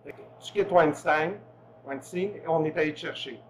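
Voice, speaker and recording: A male host runs a casual interview in a somewhat high voice. He keeps things moving with short questions and quick replies. A faint kitchen ambience sits behind him. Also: slight background noise. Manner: conversational, prompts with short questions and backchannels. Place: production kitchen.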